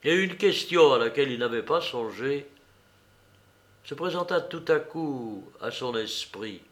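A man narrating a novel as an audiobook, reading in a measured way that slows and drops at the ends of phrases. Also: medium pitch, expressive, fairly bright tone.

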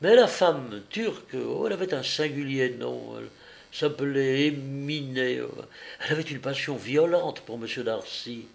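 Gossiping society lady, man reading, lively storyteller, slightly raised voice, audiobook. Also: mid-range voice, moderate pace, vocal fry. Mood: gossipy.

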